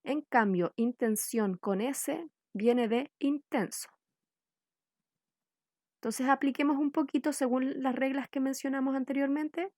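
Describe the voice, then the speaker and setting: A woman from Chile giving a scripted spelling lesson, reading out example words one by one in a slow, deliberate way. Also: high-pitched, a little mellow, dry recording, studio quality. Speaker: workshop teacher.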